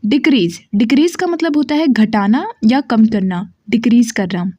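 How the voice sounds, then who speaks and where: A woman teaching English vocabulary, saying each word and its meaning slowly and repeating both. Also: a little high, warm tone, dry recording. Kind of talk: slow word-by-word vocabulary drill.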